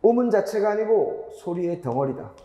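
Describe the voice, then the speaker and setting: In a roomy hall with long reverb, a male grammar teacher lectures in a slightly high but mellow voice, his pitch swinging widely in a sing-song way at a fairly quick pace. He fires rhetorical questions at his students and drives his points home through repetition.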